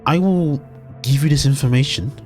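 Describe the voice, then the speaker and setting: A man's voice: mid-range voice, normal speed, soft background music, pitched above the performer's own voice, natural voice. Man voicing a poised corporate power broker woman. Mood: businesslike. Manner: smooth, polite, quietly assured.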